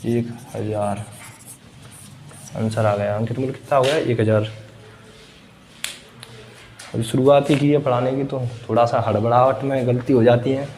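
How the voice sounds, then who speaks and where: A man's voice: medium pitch, steady tone, a little slow, long pauses, darkish tone, slight background noise. A man teaching a blackboard maths lesson, asking the class questions and then answering them himself. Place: classroom with a board.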